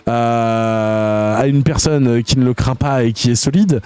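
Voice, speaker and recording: A man's voice: mid-range voice, steady tone, unhurried, darkish tone, clear, resonant tone, no room sound. A man streaming live, reading out chat messages in a crude, mocking way, with lots of hesitant fillers.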